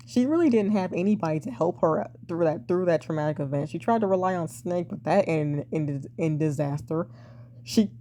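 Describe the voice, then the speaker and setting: A young woman reviewing a TV drama in a blunt, exasperated way, sighing and swearing, her voice a bit hoarse and cracking. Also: fairly low pitch, mellow, slight background noise. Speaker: TV show reviewer. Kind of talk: casual opinionated review.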